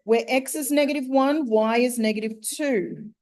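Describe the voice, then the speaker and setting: A woman's voice: sits high, a little mellow. A woman teaching a maths class, working through a problem step by step and quizzing her students as she goes. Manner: slow, step-by-step questioning of students. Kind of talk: classroom lesson.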